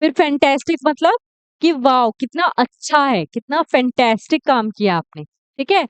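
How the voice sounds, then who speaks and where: A woman teaching English pronunciation in an online video lecture, repeating words slowly and often checking "okay?" with her learners. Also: high voice, lively intonation, no echo. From India.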